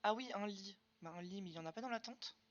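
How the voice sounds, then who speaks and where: A woman's voice: mid-range voice, quick pace, muffled recording. A young woman chatting casually on a game stream, answering chat questions with lots of fillers. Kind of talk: casual live-stream chat while gaming.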